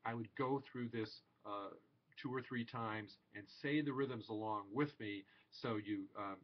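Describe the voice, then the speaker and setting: A man's voice: fairly low pitch, unhurried, highs cut off, a little hiss or hum. A man teaching a music theory lesson, patiently explaining beats and chanting rhythm syllables aloud.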